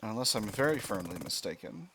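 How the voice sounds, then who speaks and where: A man's voice: fairly low pitch, big pitch swings, fairly quick, a bit bright, a little hiss or hum. A man hosting a video game let's play, thinking aloud as he talks through each decision step by step with mild exclamations.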